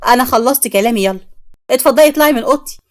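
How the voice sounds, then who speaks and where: A defiant young bride with an Egyptian accent, sharp and angry, as a woman reading the story puts her on. Her voice is high, loud and quick. This is a spoken storybook. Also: natural voice. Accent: Egyptian Arabic.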